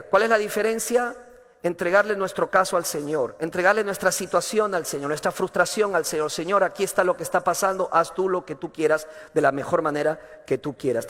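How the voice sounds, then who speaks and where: A man's voice: high-pitched, fairly bright tone, big-room sound. A male pastor preaching a sermon with passion, acting out a desperate father's pleas.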